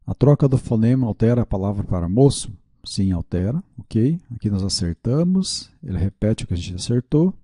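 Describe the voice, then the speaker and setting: A man's voice: medium pitch, warm tone, slightly rough, dry recording, studio quality. A man teaching a video lesson with a Brazilian Portuguese accent, working through quiz questions aloud, checking his answers and admitting his mistakes.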